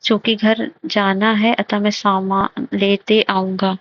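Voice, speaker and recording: A woman teacher slowly explaining grammar test answers, repeating and correcting phrases as she goes. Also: mid-range voice, level tone, a bit bright. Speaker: exam prep teacher. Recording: dull lo-fi recording.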